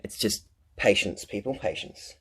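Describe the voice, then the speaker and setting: A man's voice: on the low side, a little slow, fairly bright tone, slight background noise. A young man chatting casually as he hosts a top ten countdown of his collection, with self-deprecating asides. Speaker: collector, video host.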